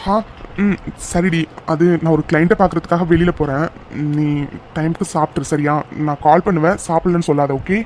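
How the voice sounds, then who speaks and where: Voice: medium pitch, steady tone, brisk, darkish tone, a little hiss or hum, close to an everyday voice. A voice actor playing a lovesick young man full of guilt, earnest and pleading in a cartoon dub. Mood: caring.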